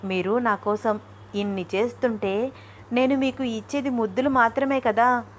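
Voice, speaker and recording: Excitable young bride in a story, high and bright, read by a woman. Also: normal speed, slight background noise, natural voice. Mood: excited. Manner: bubbly, excitable. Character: lively young wife, excitable and shy.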